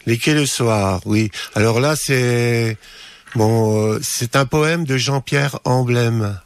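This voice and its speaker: A gravelly-voiced man from France, the guest of a radio interview, explaining his songs in an unhurried, modest way. His voice sits in a mid register and sounds dry and close. It is relaxed studio conversation. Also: mid-range voice, no room sound. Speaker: singer-songwriter guest.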